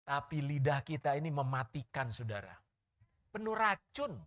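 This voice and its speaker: Animated preaching pastor, man. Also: on the high side, moderate pace. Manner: animated preaching with sudden loud and soft swings; questions the congregation directly. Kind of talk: sermon.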